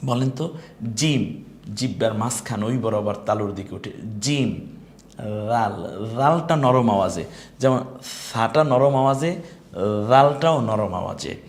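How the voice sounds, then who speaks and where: A man's voice: mid-range voice, animated, measured pace, pauses often. A man teaching an online Quran lesson, patient and encouraging, drawing out Arabic letter sounds for students to repeat. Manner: encouraging, addresses students politely.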